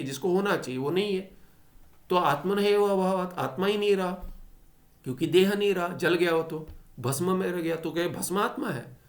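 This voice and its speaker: A man teaching a Sanskrit philosophy text, animated and full of rhetorical questions, reading the Sanskrit lines slowly. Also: high voice. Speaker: teacher of scripture.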